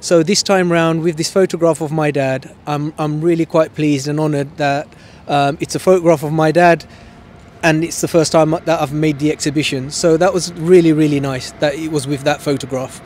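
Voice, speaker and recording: A man's voice: on the high side, steady tone, fast, a little mellow, a little hiss or hum. A man in his forties from Bangladesh, raised in East London, speaking with a London accent tinged with Sylheti Bengali in a news interview, hesitant, with many ums, and slipping between English and Sylheti. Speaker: photographer.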